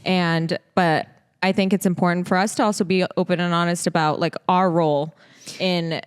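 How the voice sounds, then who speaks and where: A woman's voice: lowish voice, fairly even intonation, moderate pace, smooth. A woman co-hosting a podcast in casual chat, telling stories loosely with lots of fillers. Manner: chatty, loose storytelling with many fillers. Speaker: podcast co-host.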